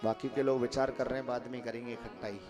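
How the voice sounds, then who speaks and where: A man's voice: mid-range voice, fairly even intonation, fast, music in the background. A man telling a devotional story as a sermon to a seated audience, often asking them questions and calling out to listeners in the back. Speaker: kathavachak preacher. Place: ashram hall with a seated audience.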